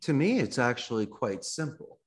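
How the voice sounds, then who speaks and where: Animated man coaching on phone sales. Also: mid-range voice, moderate pace. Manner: animated, acts out sample phone calls in quoted voices. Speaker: guest, call center owner. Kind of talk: podcast interview.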